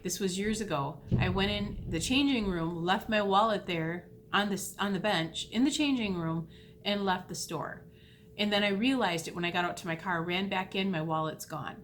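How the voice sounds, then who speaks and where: A woman vlogging in a casual, rambling way, retelling a mishap with animated, self-deprecating asides. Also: mid-range voice, moderate pace, slight background noise. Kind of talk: casual storytelling vlog.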